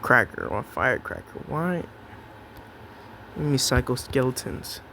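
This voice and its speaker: A man's voice: mid-range voice, big pitch swings, unhurried, gravelly, bright, forceful tone, a little hiss or hum. A young man giving casual, jokey commentary on his own match, talking to himself and to his opponent. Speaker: gameplay commentator. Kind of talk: live gameplay commentary.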